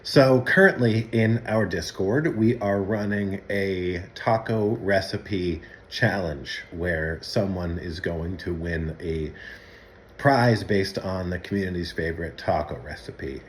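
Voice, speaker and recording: A man presents from his dining room table in a friendly, easygoing way. His voice is very deep, and a faint hum of noise sits behind him. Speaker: show host. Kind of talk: casual presenting at home.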